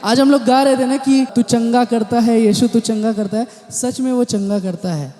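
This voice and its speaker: A male pastor with a very high-pitched, warm voice preaches at a steady tone and normal speed in a large church hall, often breaking into amen and hallelujah and mixing in English words. The recording is echoey, with long reverb.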